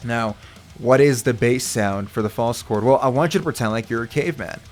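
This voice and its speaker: A man's voice: mid-range voice, a little fast, a little mellow, faint music behind. A man working as a vocal coach, explaining technique step by step in a reassuring, instructional way. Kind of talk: instructional video talk.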